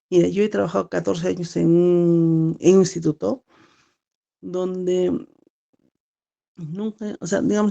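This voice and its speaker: Gravelly-voiced woman teacher, mellow tone. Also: lowish voice. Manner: rambling, with many fillers and restarts. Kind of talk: classroom talk.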